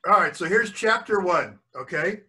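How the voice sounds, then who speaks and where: Over a video call with screen sharing, a grandfather reads a book aloud to children, often pausing for chatty asides to explain words and make sure they're following. His voice sits high and sounds expressive, pushed and bright, at normal speed, with a little hiss or hum.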